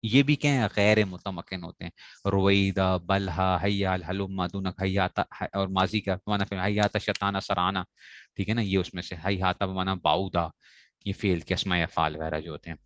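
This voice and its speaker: A man's voice: deep voice, fairly even intonation, a bit bright, dry recording. A man teaching Arabic grammar in a classroom lecture, explaining step by step, often asking the class whether they follow and stressing correct pronunciation.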